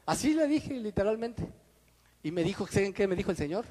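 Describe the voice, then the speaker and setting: High-voiced pastor preaching. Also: male voice, lively intonation, a little fast, in a large hall. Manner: emphatic preaching that swings between loud and soft, addressing listeners as brother. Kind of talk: sermon. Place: church.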